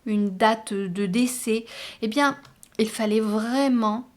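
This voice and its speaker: A woman hosting a spiritual guidance channel, talking in a measured, earnest way with hesitant restarts. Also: on the high side, darkish tone. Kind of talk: spoken spiritual guidance monologue.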